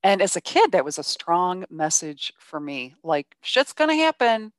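A woman's voice: low-pitched, unhurried, dry recording, studio quality. A woman in her fifties hosting a podcast, telling family stories candidly in casual conversation. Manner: candid, storytelling, filler-heavy. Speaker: podcast host.

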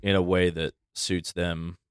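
A man's voice: low voice, flat delivery, measured pace, clear, resonant tone, no room sound, studio quality. A man co-hosting a casual podcast chat, reflective and earnest, often checking in with "right?".

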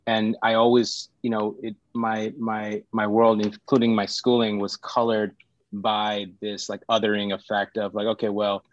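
A middle-aged man born in Sri Lanka, a startup founder talking as a podcast guest, pausing and restarting often. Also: fairly low pitch, level tone, dry recording, dull audio. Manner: halting, many restarts and fillers. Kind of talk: casual interview talk.

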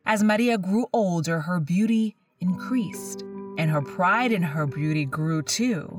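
A woman in the role of a horror host, narrating a spooky story with theatrical, drawn-out suspense. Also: lowish voice, distant mic. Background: music.

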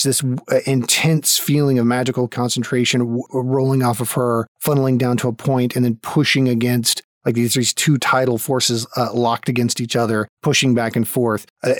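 A man's voice: medium pitch, level tone, moderate pace, hardly any pauses, dry recording. Male game master, close dry sound. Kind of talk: tabletop game narration, descriptive and improvised.

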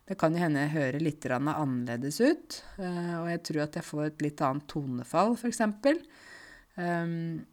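Low-voiced woman explaining carefully. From rural Norway. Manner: slow, careful and clear, with filler sounds. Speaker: language teacher and podcaster. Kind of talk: explaining for language learners.

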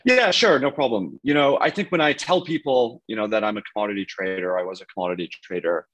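Hesitant man in his thirties, low voice. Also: fast, a bit bright, rough recording. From United States. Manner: hesitant, many fillers like "you know" and "like". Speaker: podcast guest. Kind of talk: casual interview answers.

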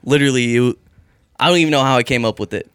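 A man's voice: medium pitch, quick pace, fairly bright tone, clean tone, dry recording, clean studio sound. A man chatting casually as a musician guest, candid, slangy and swearing freely. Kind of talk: casual chat.

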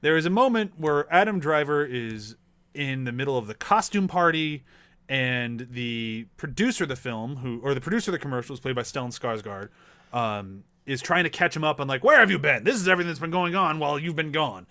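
A man's voice: a little high, lively intonation, fairly quick, pushed and bright. A man in a casual film discussion, talking in a rambling way and acting out imagined quotes as he goes. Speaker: movie review panelist.

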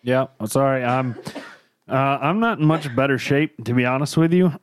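With a mid-range voice at normal speed, this man co-hosts a casual podcast, wandering off topic and losing track of his thoughts. A lingering cough and tickly throat bother him, and there's a little hiss or hum in the audio.

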